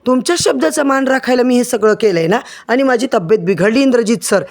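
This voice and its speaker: A man's voice: extremely high pitch, fast, creaky, voice pushed up. A man voicing an earnest, dutiful young woman in a retold serial story, who speaks respectfully.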